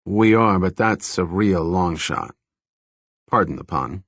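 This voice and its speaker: A man's voice: low voice, lively intonation, slow, a bit bright, no echo, heavily acted. A man reading the lines of a serious, somewhat grim young woman police detective in an audiobook. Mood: earnest.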